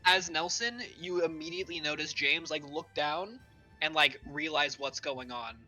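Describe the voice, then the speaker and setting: Bright, easygoing game master. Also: medium pitch, steady tone, moderate pace, faint music behind, low-quality recording. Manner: loose, filler-heavy, lots of "like". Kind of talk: narrating a tabletop game.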